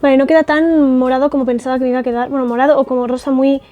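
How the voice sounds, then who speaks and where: A woman's voice: high-pitched, little pitch movement, racing, mellow, lo-fi sound. A young woman with a Spanish accent from Spain, chatting effusively to camera as she tries on makeup, with lots of fillers and tag questions. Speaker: makeup artist reviewing cosmetics. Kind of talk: casual beauty vlog, trying products on camera. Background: faint background music.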